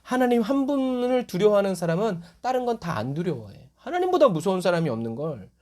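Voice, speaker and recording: A male pastor preaching in a high, very animated voice that leaps up and drops low. He keeps throwing questions at his listeners and answering them himself, and he acts out the quotes he brings in. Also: fairly quick. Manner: acts out quoted voices with sudden rises in pitch. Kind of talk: sermon.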